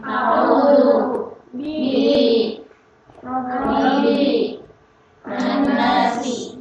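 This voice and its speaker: A group of women chants answers in unison, very slowly and on high pitches. The recording is dull, with the whole classroom crowd audible. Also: female voice, steady tone, reverberant. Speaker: students in class. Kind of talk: group recitation.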